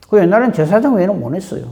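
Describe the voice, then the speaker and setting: A man preaching a dawn prayer sermon in a conversational way, often clearing his throat and asking the congregation questions. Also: high-pitched, dark tone, long reverb tail. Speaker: pastor.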